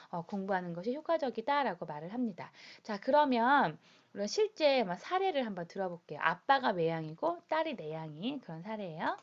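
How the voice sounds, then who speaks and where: A woman lecturer explaining personality types to students, speaking directly to her audience in an explanatory way. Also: a little high. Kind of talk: classroom lecture. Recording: dull lo-fi recording.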